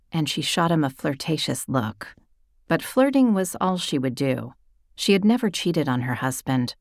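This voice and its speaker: A woman reading a novel aloud in a measured storytelling manner. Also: lowish voice, darkish tone, no echo, clean studio sound. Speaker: narrator. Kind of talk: scripted narration of a novel.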